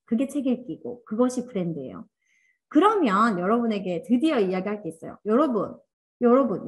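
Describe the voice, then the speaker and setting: Female workshop instructor, higher voice, very expressive intonation, coaxing, encouraging lecture delivery. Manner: animated, coaxing, acts out inner voices. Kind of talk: online class lecture.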